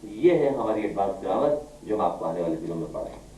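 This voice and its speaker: A man's voice: low-pitched, sing-song, fast talker, dark tone, slight background noise. A male English teacher lecturing a class, firing questions at his students and scolding them. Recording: echoey room, far from mic.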